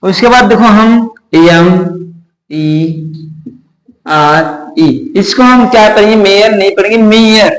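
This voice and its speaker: A man teaching English pronunciation, spelling words out letter by letter and answering his own rhetorical questions. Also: sits high. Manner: slow, repetitive explaining. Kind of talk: classroom-style lesson. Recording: echoey room.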